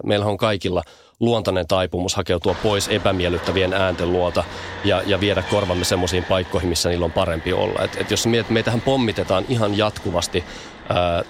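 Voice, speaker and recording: A man's voice: sits low, background noise. A man speaking as a guest, explaining how sound affects people in a thoughtful conversational way, often repeating small words as he thinks.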